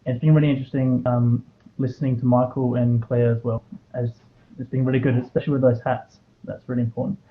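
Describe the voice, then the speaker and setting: A man's voice: medium pitch, level tone, quick pace, narrow, tinny audio. A man in his twenties with an Australian accent delivers a prepared, earnest motivational speech, telling a personal story and posing rhetorical questions. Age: 20s. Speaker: student award recipient giving a speech. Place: live speech to an audience.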